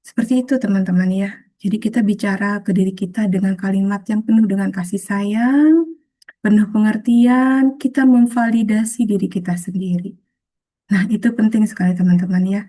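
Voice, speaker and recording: A woman teaching a healing webinar over a video call in a soft, patient way, often calling her listeners friends and acting out short bits of self-talk in a higher voice. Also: normal speed.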